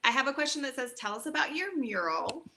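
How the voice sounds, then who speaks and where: A woman's voice: sits high, very animated, fast, heavy background noise. A woman from Texas, an author, chatting casually and rambling a little about her book on a video stream, with lots of ums and likes. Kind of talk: casual online book talk.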